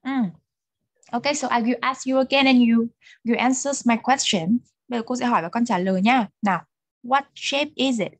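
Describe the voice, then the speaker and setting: Brisk and fairly even in intonation, a young woman with a Vietnamese accent runs a repeat-after-me English drill in an online class, moving between English and her native Vietnamese as she patiently works through words. Her voice is a little high, and the recording is dry.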